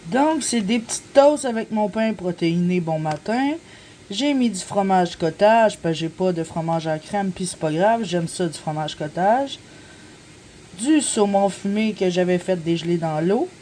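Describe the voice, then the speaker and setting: A woman's voice: mid-range voice, warm tone, slight background noise. A woman with a Québécois accent chatting casually in a home vlog, rambling along with lots of fillers and talking through a stuffy nose. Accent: Québécois French. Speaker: vlogger and mom. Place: at home, kitchen then in bed. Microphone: handheld phone camera, no tripod.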